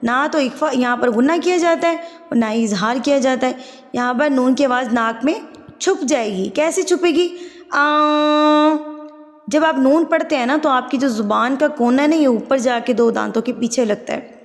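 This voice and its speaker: A woman with a Pakistani Urdu accent gives a patient tajweed lesson. Her voice sits high, and she drawls the recited words slowly. A long reverb trails after each line. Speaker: Quran recitation teacher.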